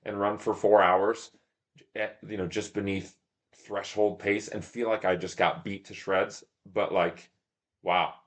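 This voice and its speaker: In a relaxed podcast interview, a guest who runs ultramarathons and owns a shop tells racing stories loosely and ramblingly. With a fairly low, unhurried voice and little pitch movement, he often thinks aloud and talks himself down a bit.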